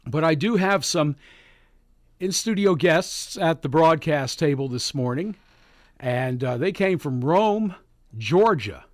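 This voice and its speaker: A man hosting a live morning radio show, chatting in a halting, folksy way from the studio and calling listeners neighbor. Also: on the high side, expressive, dry recording. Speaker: radio host. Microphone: studio mic.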